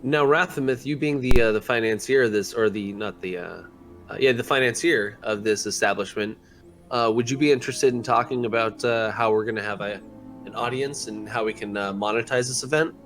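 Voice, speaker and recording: A man's voice: medium pitch, a little fast, a bit bright, faint music behind. A man speaking in character as a player in a tabletop role-playing game, hesitant and full of fillers.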